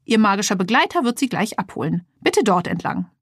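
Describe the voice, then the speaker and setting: A woman's voice: mid-range voice, sing-song, a little fast, slightly rough, dry recording. An officious, prim receptionist reading out rules in a storybook, played by a woman narrator. Her delivery is formal and a touch raised. Dry, close sound.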